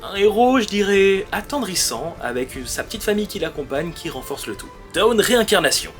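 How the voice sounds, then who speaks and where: A man's voice: high-pitched, big pitch swings, a little fast, a bit bright, soft background music. A man in a casual, enthusiastic chat, listing and ranking his favorite titles. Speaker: webtoon recommender.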